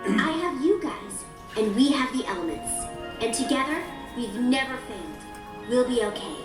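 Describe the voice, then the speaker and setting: A woman voicing an earnest, anxious young pony princess in an animated cartoon, with expressive delivery. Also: a little high, normal speed, lightly acted. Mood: unsure, hopeful. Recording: echoey distant cartoon playback over music.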